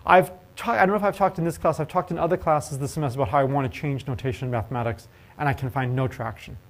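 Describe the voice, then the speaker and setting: A fast-talking male professor with a slightly high voice delivers a university math lecture. He is lively in the lecture hall, throwing questions to the class and joking with the students.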